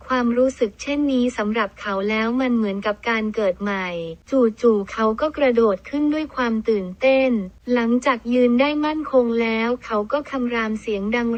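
A woman narrating a serialized novel in a steady, even storytelling manner. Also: fairly high pitch, no room sound. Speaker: audiobook narrator.

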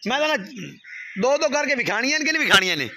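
Brisk high-voiced man haggling. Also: sing-song, creaky, a crowd in the background. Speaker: livestock dealer and video host. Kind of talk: casual on-camera bargaining. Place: outdoor farmyard.

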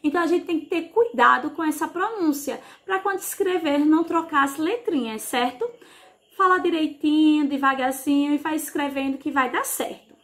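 A Brazilian woman teaching young children over a televised lesson, talking slowly and kindly, with lots of diminutives and check-in questions. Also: high-pitched, a bit bright. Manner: slow, sing-song teacher talk with diminutives. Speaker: primary school teacher. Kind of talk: televised remote class for children.

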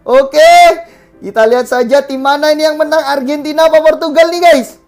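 A woman's voice: high voice, moderate pace, darkish tone, faint music behind. A woman hosting a game session, barking repeated commands at players and swearing casually. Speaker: gaming channel host. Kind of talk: live game commentary giving orders to players.

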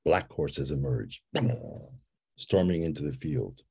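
A ceremony leader from Guatemala takes listeners through a slow, calm visualization, weaving in a story and soft, repeated invitations. His voice is bass, with a creaky, breathy edge.

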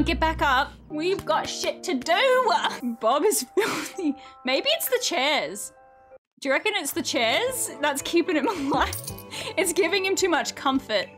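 A woman talks through a life sim game in a high, bouncy voice that swings up and down a lot. She swears freely and breaks into loud laughter as she plays. Faint game music runs behind her. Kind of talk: casual gameplay commentary.

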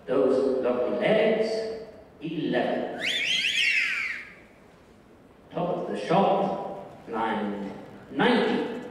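A man's voice: mid-range voice, very animated. Echoing, sing-song male bingo caller. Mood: showy patter. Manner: sing-song, drawn-out number calls. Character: bingo caller reeling off rhyming number nicknames. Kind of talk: bingo calling over a PA. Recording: very echoey hall, distant, noisy PA.

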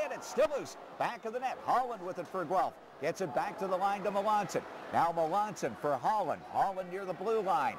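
A man calling hockey play-by-play in clipped phrases that rise into excited shouts. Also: a little high. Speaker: play-by-play commentator. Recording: very noisy arena broadcast.

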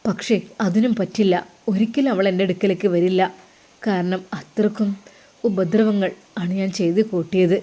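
A woman's voice: medium pitch, mellow, lightly acted. Woman voicing a weeping remorseful older brother. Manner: pleading, broken and tearful.

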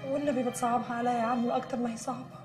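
A woman's voice: fairly high pitch, level tone, very fast, over music, natural voice. An actress playing an exasperated, defiant Egyptian woman in a TV drama. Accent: Egyptian Arabic. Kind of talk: TV drama acting.

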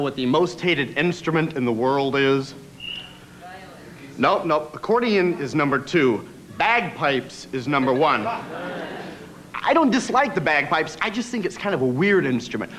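A man's voice: very animated, normal speed, a bit bright, rough recording. A man doing a goofy, self-mocking stand-up set on a TV studio stage. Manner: goofy, self-mocking, jumps into silly high voices. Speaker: stand-up comedian. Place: TV studio stage before a live audience. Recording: music and crowd laughter behind.

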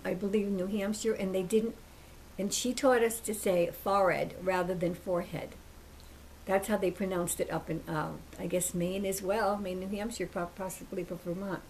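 A woman's voice: medium pitch, darkish tone, a little hiss or hum, poor audio. A woman hosting a faith show, reading testimonies aloud in a chatty, enthusiastic way and stopping for personal asides. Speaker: host of a Bible testimony show.

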